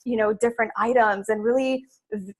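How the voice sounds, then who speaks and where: A woman's voice: on the high side, steady tone, fairly quick. A young adult woman from Sudan, a stylist guest, talking chattily in a casual interview with many fillers.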